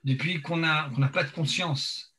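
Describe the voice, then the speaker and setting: A man teaching an informal religious lesson, speaking haltingly and searching for words, his mouth half numb from dental anaesthetic. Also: on the high side, fairly even intonation, sharp tone. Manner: hesitant, repeats and searches for words.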